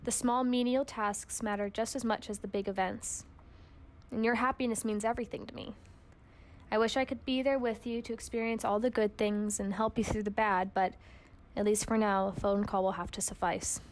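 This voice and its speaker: A young woman, a college student, reading a personal letter aloud in an earnest, tender, measured way. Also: mid-range voice, fairly even intonation, slight background noise.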